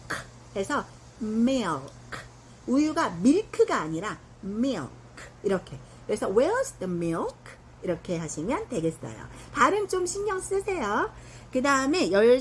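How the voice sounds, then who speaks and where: A middle-aged woman teaches travel English in a chatty, unscripted way, slowing down to sound out each phrase. Her fairly high voice swings up and down a lot. A faint hiss sits under the recording. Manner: chatty, explains slowly, lots of fillers. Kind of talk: casual spoken lesson.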